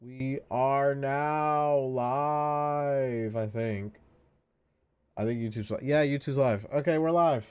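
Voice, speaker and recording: Sleepy guy streaming, rambly, kinda yawny, smooth clear voice. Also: mid-range voice, fairly even intonation, takes it slowly, a little mellow. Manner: tired, rambling, repeats himself. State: sleepy, yawning. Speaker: vtuber streamer. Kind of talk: casual live-stream chat.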